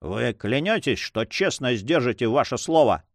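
A man's voice: medium pitch, lively intonation, moderate pace, no room sound. A man voicing a dying old male governor who speaks in a grim, labored way. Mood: urgent.

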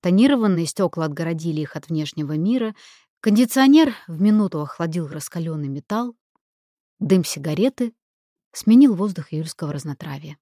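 Woman narrator, audiobook, low voice, dry close sound. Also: expressive, fairly quick, mellow, no echo.

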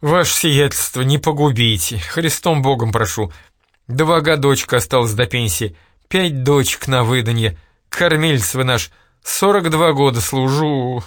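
A man's voice: mid-range voice, unhurried, no echo, natural voice. A cringing petty official who fawns and pleads with raised voice, as a male narrator puts him on. The reading is close and dry. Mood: groveling. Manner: fawning, pleading.

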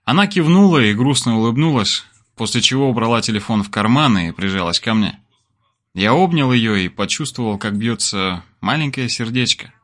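A man narrating a story in the first person in an expressive storytelling manner. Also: mid-range voice, normal speed.

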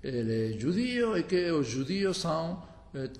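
A man's voice: fairly high pitch, very animated, unhurried, gravelly, darkish tone, in a large hall. Hesitant man with a tongue. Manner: searching for words, many hesitations. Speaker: guest author. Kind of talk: radio interview.

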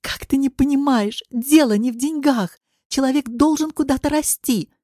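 A woman's voice: sits high, normal speed, dark tone, dry recording, clean studio sound, voice pushed up, close to an everyday voice. A woman reading the part of a frustrated wife near forty in an audiobook, insistent and pleading.

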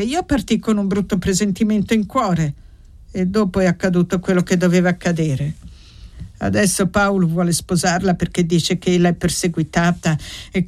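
A woman's voice: mid-range voice, a little mellow, natural voice. A woman voicing an angry, jealous young male servant in an audiobook, bitter and insistent.

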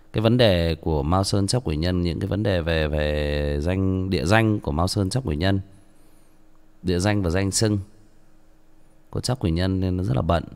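A man's voice: low voice, gravelly, a little mellow, smooth. A male audiobook narrator, tired, reading a story and then chatting casually with many restarts.

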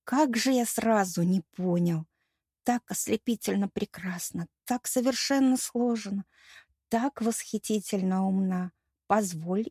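A woman's voice: medium pitch, dark tone, no room sound, studio quality, close to an everyday voice. A woman voicing a boastful, dim-witted male demigod hero who declaims his praise in a pompous, flustered way.

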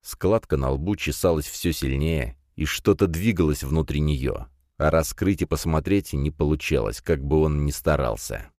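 Male audiobook narrator, low and dry, even measured reading. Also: dry recording. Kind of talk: scripted fiction narration.

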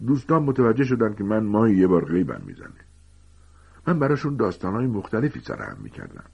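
A man voicing a gentle, weary grown male teacher who calmly confides old secrets in a storybook reading. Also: fairly low pitch, vocal fry, husky, voice pushed up, full character voice. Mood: confiding. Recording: dull lo-fi recording.

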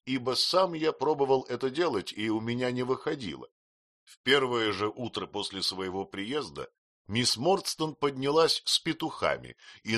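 A man narrates a classic novel in a measured, storytelling voice. His pitch moves in lively swings, and his tone is bright and clear. The recording is dry and close, with no room sound. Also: no echo. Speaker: audiobook narrator. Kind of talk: literary audiobook reading.

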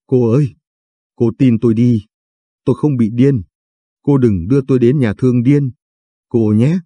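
A man's voice: fairly low pitch, animated, moderate pace, warm tone, husky, dry recording. A man reading the lines of a frightened, confused old woman patient who pleads and stammers. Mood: pleading.

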